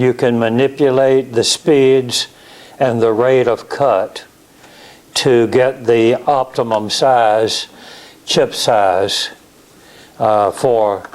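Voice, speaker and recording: A man giving a practical technical lecture as an instructor, explaining step by step in a halting way. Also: mid-range voice, darkish tone. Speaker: class instructor in CNC woodworking. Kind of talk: technical lecture with slides and software demo.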